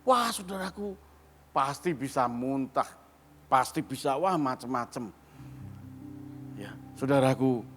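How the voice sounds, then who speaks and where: A male pastor preaching a sermon in a storytelling way, moving between loud exclamations and quiet asides. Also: fairly high pitch. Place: church hall. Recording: long reverb of a church hall.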